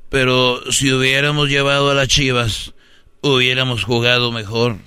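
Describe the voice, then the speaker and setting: Mexican male sketch comic, mid pitch, crisp bright voice, dry. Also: level tone, moderate pace, no room sound. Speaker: comedy sketch performer. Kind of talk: comedy sketch banter.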